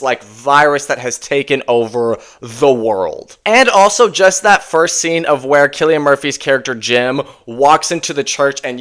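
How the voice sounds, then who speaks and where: Young male film reviewer, slightly high, smooth voice, enthusiastic and rambling with fillers. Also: fairly bright tone. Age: 20s. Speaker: movie reviewer. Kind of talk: casual movie review vlog.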